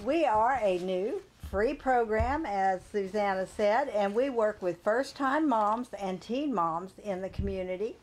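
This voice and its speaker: Woman guest explaining a program steadily. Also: medium pitch. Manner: plain, steady explaining, lists things. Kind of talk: TV talk show guest.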